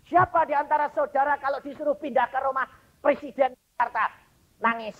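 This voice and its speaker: A man's voice: very high voice, a little fast. A male evangelist preaching a sermon, telling stories and asking the congregation rhetorical questions. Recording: dull lo-fi sermon recording.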